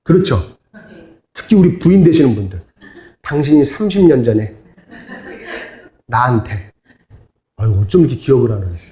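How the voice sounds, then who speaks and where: A man with a fairly high, darkish voice preaches to his congregation as their pastor, having them repeat his words and call back responses. The sermon takes place in a church sanctuary, and the recording carries the echo of the hall.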